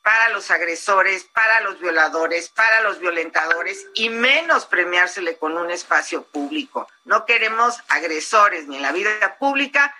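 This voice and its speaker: A woman with a Mexican accent, speaking forcefully and emphatically as a guest in an interview. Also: lowish voice, animated, normal speed, hardly any pauses, low-quality recording.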